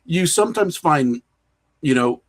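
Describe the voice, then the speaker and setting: Here a horror filmmaker, guesting on a podcast, speaks in a fairly high voice at a measured pace during a laid-back interview. He animatedly explains what he thinks using loose slang, and his speech is peppered with fillers like "you know" and "like."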